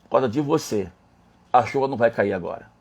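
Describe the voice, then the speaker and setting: A man's voice: medium pitch, a little fast, a little mellow, breathy edge, pitched below the performer's own voice. A man voicing God as a patient, reasoning male divine voice inside a spoken testimony. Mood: gentle.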